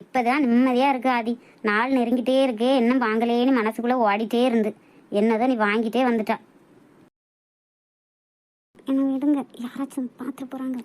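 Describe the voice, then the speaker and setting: Woman doing a kanyakumari-accent young bride in a cartoon, high mellow voice, pleading and teary. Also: fairly even intonation, fast talker, natural voice. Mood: relieved. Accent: Kanyakumari Tamil. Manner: pleading, tearful. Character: young bride, emotional and lonely. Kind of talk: hobby cartoon voice acting.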